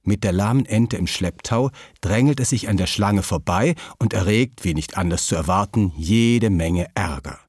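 A man reading a children's story in a calm, measured narrating voice. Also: fairly low pitch, breathy edge, dry recording, studio quality.

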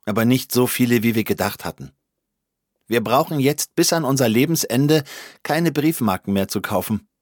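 Male narrator, calm wry storyteller, dry close-miked read, mid-range voice. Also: medium pitch, dry recording. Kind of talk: scripted first-person story reading.

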